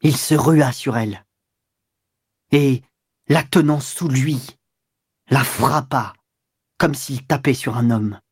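Male audiobook narrator, husky, measured and dramatic, dry booth sound. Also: mid-range voice, no echo. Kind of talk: audiobook reading of a classic novel.

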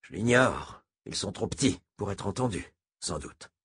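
A man voicing an old masked male mutant scout who speaks in quiet, clipped phrases. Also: lowish voice, lively intonation, moderate pace, slightly rough, exaggerated voice. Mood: low, terse.

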